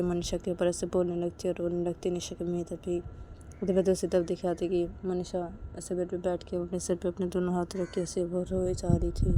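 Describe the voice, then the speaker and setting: A woman's voice: fairly low pitch, warm tone, slight background noise. A woman narrating a romance story in a casual, plain, repetitive retelling. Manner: slow, plain recounting with repeated phrases.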